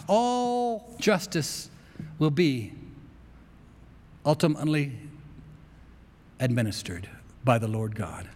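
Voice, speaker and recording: Male preacher, very unhurried delivery, emphatic sermon, rhetorical pauses, long church reverb. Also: on the high side, a little hiss or hum. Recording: long reverb of a large hall.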